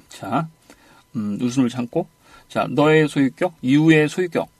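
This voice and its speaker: A man's voice: medium pitch, expressive, husky, no room sound. A man teaching an English conversation lesson, prompting his student with short cues and asking for repeats. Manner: brisk prompting, repeats "one more time". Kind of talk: audio lesson drills.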